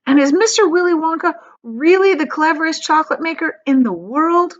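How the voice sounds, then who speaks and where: A woman's voice: high voice, lively intonation, a little fast, highs cut off, pitched above the performer's own voice. A woman voicing a curious, polite little boy with an earnest, questioning manner in a storybook reading. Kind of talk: children's storybook read aloud.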